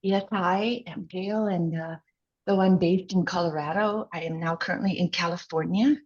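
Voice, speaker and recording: A woman with a low, husky voice introduces herself as a course facilitator. She rambles a little and speaks modestly. The sound is dull and lo-fi, like laptop video-call audio. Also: fairly even intonation, moderate pace, darkish tone.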